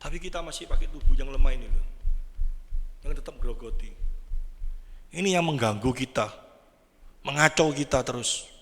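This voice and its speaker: A man preaching a sermon, animated and quizzing his congregation. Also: mid-range voice, normal speed, long pauses. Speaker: pastor. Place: large church hall. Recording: echoey church hall.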